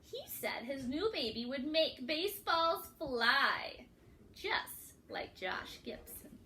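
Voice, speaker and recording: A woman's voice: high voice, lively intonation, takes it slowly, bright, forceful tone, slight background noise. A woman reading a picture book aloud to young children, expressively, with dramatic emphasis and questions put to the listeners. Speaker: children's read-aloud storyteller.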